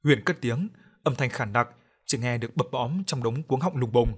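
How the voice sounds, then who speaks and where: A man reading a horror audiobook, telling the story dramatically. His voice is husky and breathy at an ordinary pitch. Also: normal speed. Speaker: audiobook narrator. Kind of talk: scripted horror narration.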